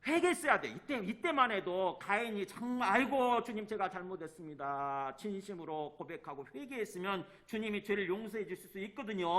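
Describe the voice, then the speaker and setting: A man preaches in a high, bright voice. His pitch swings widely as he acts out quoted lines. He keeps putting questions to the congregation and answering them himself. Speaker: pastor. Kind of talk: sermon.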